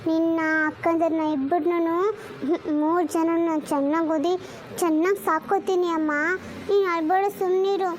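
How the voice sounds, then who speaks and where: A woman voicing a chatty, greedy little boy who loves snacks, talking in a whiny, pleading way. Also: very high voice.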